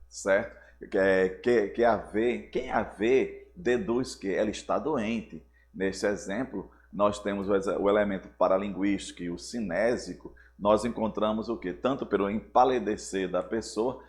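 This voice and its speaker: A man teaching a recorded school lesson to seventh graders, often checking in with "certo?" and speaking with a Brazilian Portuguese accent. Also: lowish voice. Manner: explains with frequent "certo?" check-ins to students.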